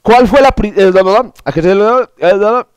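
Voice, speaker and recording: A man's voice: sits high, normal speed, clear, resonant tone, no echo. A man teaching an astronomy course, running through quiz questions in a classroom with jokes, asides and stammered restarts. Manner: joking, digressive, with stammered restarts.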